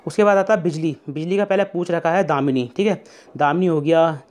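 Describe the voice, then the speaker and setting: A young man with a North Indian Hindi accent teaching an online exam revision class. He explains step by step, often checks in with "theek hai", and slows down to repeat key words and verses. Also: a little high, darkish tone.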